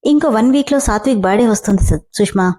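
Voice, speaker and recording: Young woman in love, earnest, determined, woman reading, high voice. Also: quick pace, warm tone, lightly acted.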